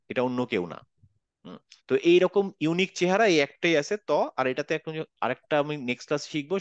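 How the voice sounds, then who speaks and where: Dry-sounding teacher, slightly high. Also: male voice, no echo. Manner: patient, demonstrates sounds by repeating them. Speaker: Quran recitation teacher. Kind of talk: online pronunciation lesson.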